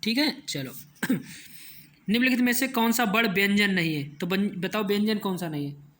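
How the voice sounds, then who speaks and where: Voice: medium pitch, normal speed, fairly bright tone. A teacher running an online exam-prep class, drilling the same points over and over and quizzing the listeners, counting letters and answer options aloud.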